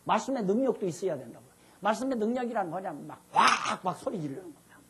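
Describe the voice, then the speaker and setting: An older pastor sits before a class giving a chatty, self-reflective Bible lecture, at times imitating shouting preachers. His voice is high, expressive, and fast, and there is noise in the background.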